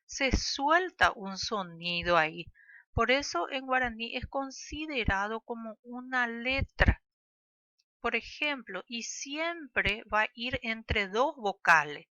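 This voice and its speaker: Slow, bright-voiced woman teaching. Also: fairly high pitch, lively intonation, dry recording, highs cut off. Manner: slow, clear, stretching sounds for pupils to repeat. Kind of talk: bilingual language lesson.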